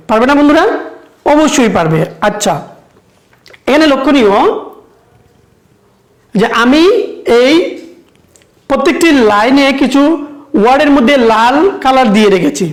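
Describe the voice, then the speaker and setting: High-voiced woman teaching in an echoey room. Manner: slow, drawn-out chanting of rhyme lines, then quick explaining in Bengali. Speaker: English teacher. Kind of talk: classroom lesson, chanting rhymes slowly.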